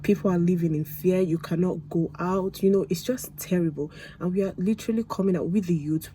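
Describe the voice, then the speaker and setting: Chatty woman vlogger, dark tone. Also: lowish voice, a little fast, slight background noise, low-quality recording. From Nigeria. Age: young adult. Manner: chatty, rambling, with many fillers. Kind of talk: casual talk to camera.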